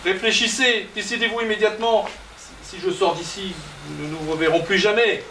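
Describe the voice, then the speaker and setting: A man's voice: sits high, steady tone, fairly quick, sharp tone, a little hiss or hum. A man acting as a lovestruck landowner on stage, stammering and impassioned, heard from far off in an echoey hall. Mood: pleading. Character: impulsive male landowner, proposing wildly. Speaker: stage actor.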